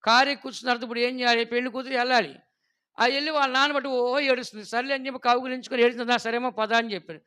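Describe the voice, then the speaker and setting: A man preaching a sermon as pastor, often asking the congregation questions and prompting them to answer, with lively storytelling. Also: very high-pitched, racing, smooth. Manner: animated storytelling with quoted voices.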